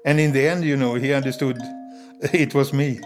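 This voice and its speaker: A man being interviewed, telling stories conversationally in a halting way with repeated words. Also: mid-range voice, fairly even intonation, faint music behind. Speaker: interview guest, former bank robber. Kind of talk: conversational storytelling.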